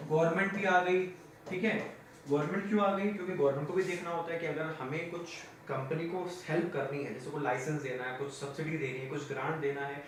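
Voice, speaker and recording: Guy teaching audit, high voice, asks then answers himself, big echoey room, mic far off. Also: slight background noise. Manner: asks questions then answers them himself, repeating key terms. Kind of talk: classroom lecture.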